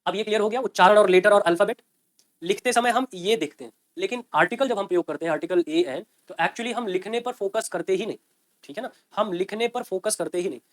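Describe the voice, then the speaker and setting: A man's voice: sits high, fast talker. A man teaching a grammar lecture, explaining step by step and often checking with his students. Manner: explains by repeating and checking with "ठीक है ना?".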